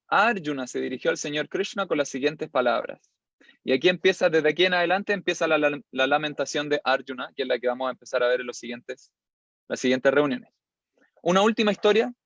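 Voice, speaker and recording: A man teaching a class, an animated storyteller who acts out scenes as he goes. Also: fairly high pitch, no room sound. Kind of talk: lively storytelling lesson. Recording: slightly dull lo-fi sound.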